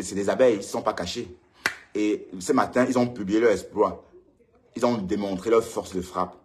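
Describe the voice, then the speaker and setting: Alone in front of a ring light, a man hosts his own live stream and rants heatedly at rivals, addressing them directly and repeating his warnings. His pitch jumps up whenever he gets worked up.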